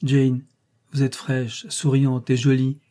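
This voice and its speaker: A man's voice: mid-range voice, monotone, slow pace, mellow, lightly acted. A man reading aloud and voicing an ardent, commanding middle-aged master in a classic novel. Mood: admiring.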